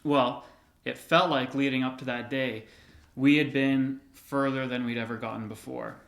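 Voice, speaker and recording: A man in his thirties, a vlogger casually telling personal stories to the camera in a relaxed, reminiscing way with light filler words. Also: mid-range voice, moderate pace, gravelly. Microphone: camera held by another person. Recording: roomy echoey room sound.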